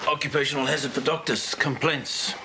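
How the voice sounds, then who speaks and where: An actor in a television soap playing a doctor who is firm and reassuring toward colleagues. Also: male voice, medium pitch, fairly even intonation, vocal fry, heavy background noise, close to an everyday voice. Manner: brisk, reassuring.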